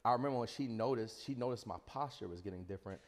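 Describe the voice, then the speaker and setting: A medium-pitched man talks fast while telling his story as a podcast guest in a conversational interview. The Bronx, New York entrepreneur is emphatic, repeats phrases, and asks "you know what I'm saying" along the way. Reverberant echo colors the recording, like a hall.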